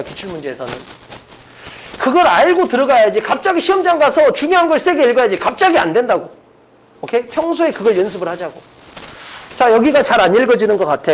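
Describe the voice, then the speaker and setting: Exam-prep lecturer, casual and pushy, drills the class with quick rhetorical questions and a very lively, swooping pitch. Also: slight background noise. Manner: emphatic, pleading with students.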